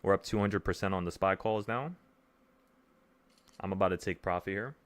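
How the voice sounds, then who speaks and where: Low-voiced and fairly even in intonation, this twenty-something livestream host talks to his viewers at a normal pace in a dry recording. He teaches options trading, rambling earnestly and circling back to the same phrases to drive points home.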